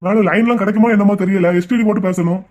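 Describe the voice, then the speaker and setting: A man's voice: sits high, steady tone, fast talker, darkish tone. A man voicing a meek, fretful tea shop owner in a cartoon, talking in a pleading way. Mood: worried. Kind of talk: cartoon voice acting.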